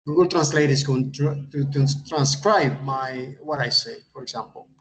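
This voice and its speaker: A man who teaches English, giving a step-by-step tutorial in a halting way, often repeating words and adding uh. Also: medium pitch, rough recording. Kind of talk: instructional tutorial.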